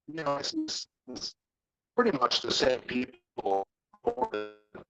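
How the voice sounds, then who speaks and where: A man's voice: high voice, wildly swooping pitch, slow, creaky, sharp tone, soft background music. A man on an online call whose audio keeps breaking up, chatting casually and easily as a guest archer, rambling a little and restarting his sentences. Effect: choppy online call audio, breaking up. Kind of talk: casual chat. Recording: dull, lo-fi online call with dropouts.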